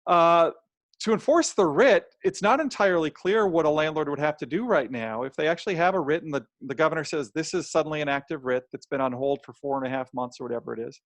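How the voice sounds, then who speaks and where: A fairly high-pitched American man talks fast while presenting a housing law webinar, keeping his language plain and conversational and playing out imagined quotes. His voice is slightly strained, with throat-clearing, and there's no room sound.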